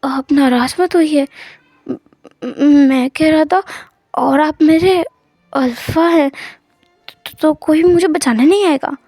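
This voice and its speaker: A woman's voice: sits high, slow pace, mellow, dry recording, studio quality. A woman voicing a timid young male bride who stammers and hesitates as he speaks. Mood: shy.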